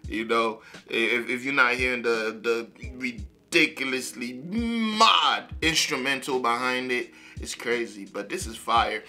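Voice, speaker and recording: A man hosting a music reaction video, talking in an excitable, slangy way and often repeating himself. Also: medium pitch, unhurried, few pauses. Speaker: music reaction channel host. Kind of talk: casual reaction commentary.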